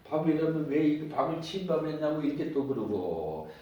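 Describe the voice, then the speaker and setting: A man's voice: fairly high pitch, big pitch swings, fairly quick, dark tone. A man preaching a sermon to a congregation. He is emphatic and repeats phrases, and he leads the listeners in call-and-response. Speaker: pastor. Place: church sanctuary. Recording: very echoey church hall, distant mic.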